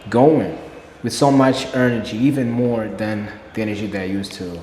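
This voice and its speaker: A slightly mellow, lowish male voice at a moderate pace belongs to an English learner from Burundi whose first language is Kirundi. He gives earnest interview answers and repeats key phrases for emphasis, in an echoey room with long reverb and faint noise.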